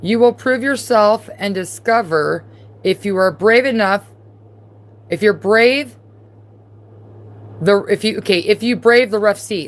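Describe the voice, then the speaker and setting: Blunt, casual woman giving a tarot reading. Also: mid-range voice. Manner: casual, blunt and repetitive, talking straight to the viewer. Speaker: tarot reader. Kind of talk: live-streamed tarot reading.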